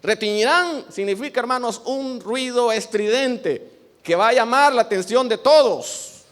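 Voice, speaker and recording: High-voiced man preaching in a reverberant hall. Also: a little slow, fairly bright tone. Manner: earnest preaching, often asks the congregation for agreement. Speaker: pastor. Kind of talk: sermon.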